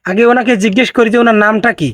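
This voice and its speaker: A man's voice: high-pitched, very fast, a bit bright. A man hosting a comedic roast video, teasing and sarcastic in tone. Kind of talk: mocking comedic roast narration.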